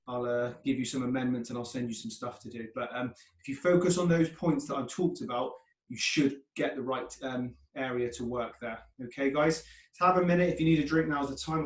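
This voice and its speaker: A man coaching a workout as an instructor, giving short clipped commands, counts and form cues with encouraging check-ins. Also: mid-range voice. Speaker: fitness instructor. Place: indoor room, heard from a distance. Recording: echoey room, far from mic.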